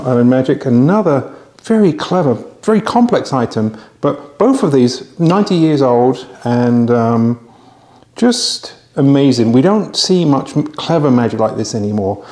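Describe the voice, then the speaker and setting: A man's voice: medium pitch, mellow, roomy sound. A middle-aged man hosting a magic auction, talking casually to camera in a home bar room with a lapel mic, chatty and full of restarts. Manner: chatty, hesitant with restarts and fillers. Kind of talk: casual promotional talk to camera.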